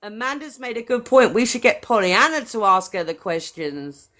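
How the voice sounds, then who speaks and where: A woman's voice: fairly high pitch, animated, moderate pace, sharp tone. A woman in her forties chatting casually as a fan guest, rambling cheerfully and laughing at her own mistakes. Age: 40s. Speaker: fan guest on a live stream. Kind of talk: casual chat.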